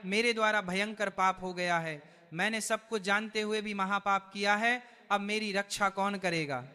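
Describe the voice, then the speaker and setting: A man's voice: high-pitched, steady tone, normal speed, sharp tone, clear, resonant tone, big-room sound. A man voicing a guilt-ridden husband in pain in a devotional story, lamenting. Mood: anguish. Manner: anguished, lamenting.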